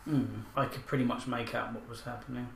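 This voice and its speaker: A man's voice: medium pitch, little pitch movement, a little fast, creaky. A man hosting a podcast, chatting loosely about films and swearing freely. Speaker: podcast host. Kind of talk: casual chat about films. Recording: roomy echo, faint background hiss.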